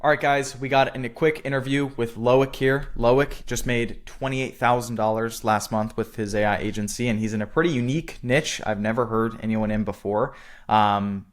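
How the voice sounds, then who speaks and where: A man hosting a casual interview, chatty and loose in his phrasing, with quick affirmations. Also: medium pitch. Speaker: interviewer host.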